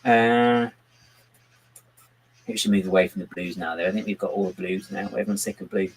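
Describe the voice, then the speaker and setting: A man's voice: deep voice, steady tone, a little fast, a little hiss or hum, rough recording. A man rambling casually to his livestream chat while he builds, self-mocking and chuckling often. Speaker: livestream host building with bricks.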